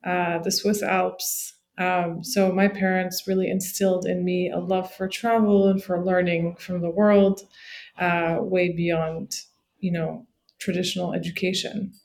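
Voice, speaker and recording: A woman from Morocco, a podcast guest, telling her story in a friendly, relaxed way with fillers. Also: on the low side, measured pace, gravelly. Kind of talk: casual interview chat.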